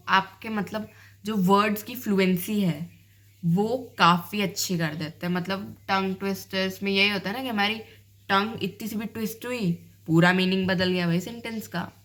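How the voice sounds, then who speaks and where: A woman's voice: medium pitch, a bit bright. A young woman teaching learners in a chatty, casual way, often checking in with the listener. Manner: chatty, repeats "ठीक है" often. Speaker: English-learning tutor. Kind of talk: casual lesson talk.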